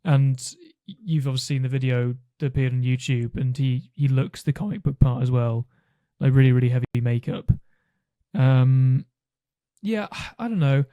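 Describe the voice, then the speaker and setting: A man's voice: medium pitch, normal speed, dry recording, lo-fi sound. A man chatting casually about films as a podcast co-host, thoughtful and a little hesitant. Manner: thoughtful, hesitant, acts out conversations. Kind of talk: casual film discussion.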